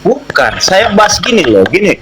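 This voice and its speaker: Man debater, lively pitch, stubborn and repetitive, talked over. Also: moderate pace, noisy background. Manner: insistent, keeps repeating his question. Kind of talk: interfaith debate.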